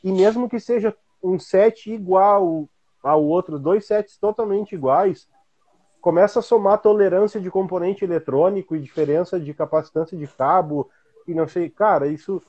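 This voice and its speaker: A man's voice: high voice, normal speed, darkish tone, dry recording. Man, blunt and slangy, dull lo-fi mic. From Brazil. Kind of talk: casual podcast chat. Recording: dull mic with faint hiss.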